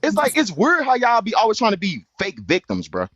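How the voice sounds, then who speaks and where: A man's voice: high voice, huge pitch swings, brisk, crowd noise. A young man hosting a livestream panel, talking casually and argumentatively, full of slang and "bro". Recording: dull lo-fi stream audio.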